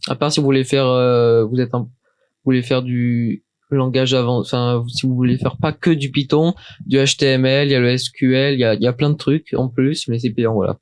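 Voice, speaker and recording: A tutorial maker talks through a casual screen-recorded software tutorial from his desk, chatty and hesitant, full of fillers and restarts. His mid-range voice is brisk with fairly even intonation and a darkish tone, and there's no echo.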